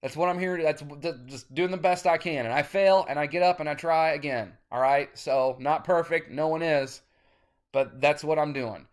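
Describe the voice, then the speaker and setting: In a cursing, meandering vlog rant delivered straight to camera, an independent musician in his thirties becomes loud and insistent. He speaks on the high side at a moderate pace.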